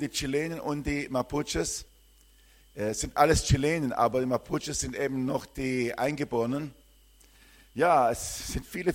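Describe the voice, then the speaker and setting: An older missionary from southern Germany greets a church congregation and gives a rambling personal testimony, hesitating often. His voice is a little high.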